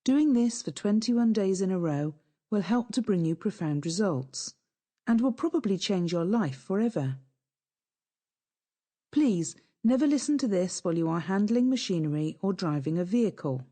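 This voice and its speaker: A woman narrating a scripted guided hypnosis session in a calm, soothing, instructive way. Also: medium pitch, moderate pace.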